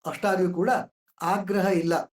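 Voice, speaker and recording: A woman's voice: lowish voice, steady tone, unhurried, roomy sound. A woman explains classical verse in a conversational way, asking listeners rhetorical questions. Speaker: poetry explainer.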